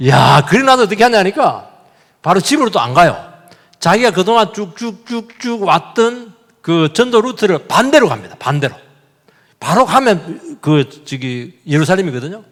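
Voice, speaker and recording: A man's voice: high-pitched, in a large hall. A male pastor giving a sermon, talking animatedly and putting rhetorical questions to his congregation. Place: church sanctuary.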